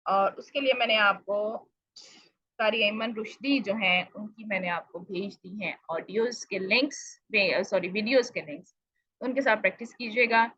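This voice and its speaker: A woman's voice: mid-range voice, moderate pace, bright, forceful tone, slightly rough, dry recording, lo-fi sound. A woman teacher giving a Quran recitation lesson, explaining patiently and asking questions she answers herself. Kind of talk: online tajweed lesson.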